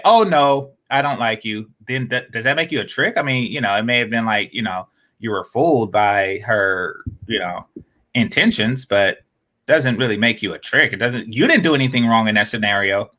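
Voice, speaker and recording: Here a man chats casually on a podcast, rambling, restarting, and leaning on fillers, with frequent drops into quiet, low-voiced asides.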